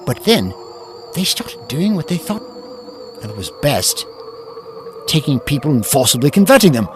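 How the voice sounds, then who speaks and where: A man playing a defiant, eccentric alien time traveller in a sci-fi audio drama, speaking in theatrical, expressive speeches. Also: fairly high pitch, moderate pace. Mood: grave. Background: music.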